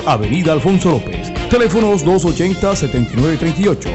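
A man with a Colombian Caribbean coast accent reading radio ads in a brisk, punchy sales delivery. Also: on the high side, lively intonation. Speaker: advertising announcer. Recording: lo-fi radio recording with music behind.

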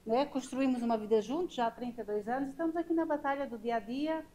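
A middle-aged woman from Portugal, answering interview questions in a warm, measured way in a small bar. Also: sits high, low-quality recording. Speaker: business co-owner, guest. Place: small restaurant bar, indoors.

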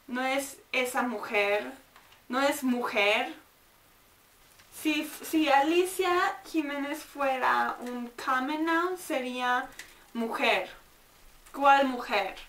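High-voiced woman teaching, echoey room. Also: a bit bright, far from the mic. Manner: drills words slowly, repeating and sounding them out. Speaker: English teacher. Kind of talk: bilingual grammar lesson.

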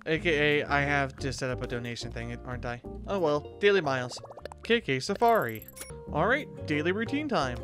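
A man's voice: fairly high pitch, lively intonation, moderate pace. A young man casually commenting while playing a video game, joking and laughing to himself. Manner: joking, laughs between lines. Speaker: streamer. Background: game music.

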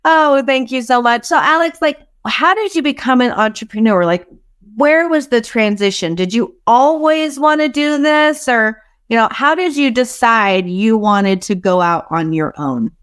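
This podcast host has a fairly high, somewhat bright, clean-toned voice and keeps a measured pace. Indoors in a small home office, she holds a friendly interview with a guest on a video call, sounding effusive and enthusiastic.

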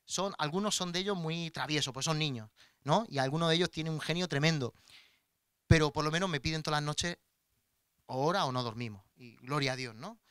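Man, middle-aged pastor, impassioned sermon storytelling, animated, fairly high voice, dry close sound. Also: a little fast, clean tone, no room sound. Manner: personal, impassioned storytelling addressed to the congregation; animated, acts out voices in anecdotes.

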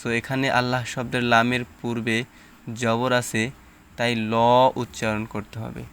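A man's voice: medium pitch, monotone, measured pace, sharp tone, clean tone. A man teaching Quran reading, explaining rules and then sounding out letters and syllables one at a time. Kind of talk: slow step-by-step recitation lesson.

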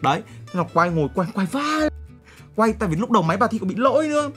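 A man's voice: high-pitched, sing-song, quick pace, fairly bright tone, faint music behind. A young man streaming, chatting casually with viewers in a brash, joking way full of crude slang while he reacts to photos and clips.

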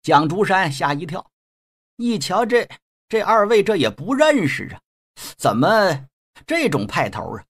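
A man narrating a classic novel in a lively, colloquial traditional storytelling style, with playful asides. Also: high voice, a little slow.

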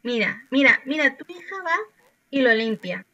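A woman's voice: sits high, big pitch swings, normal speed, sharp tone. A woman from Spain casually commenting on her life-simulation game and chatting to her characters. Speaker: gaming YouTuber. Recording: dull lo-fi sound.

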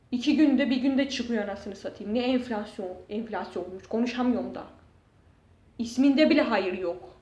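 In a dull, echoey room recording, a female YouTuber with a slightly high, dark-toned voice vents casually on her vlog. She swears in exasperation while pointing out the damage to her room.

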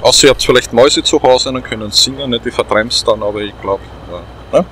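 Offering chatty, repetitive commentary over a game, a middle-aged let's play host speaks with an Austrian accent in a brisk, somewhat bright mid-range voice. A faint noise runs in the background.

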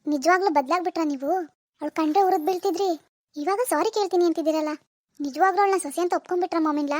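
A woman's voice: extremely high pitch, rapid-fire, dry recording, studio quality. A woman as a snobbish, doubtful young relative. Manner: doubtful, scoffing. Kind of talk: homemade family drama skit.

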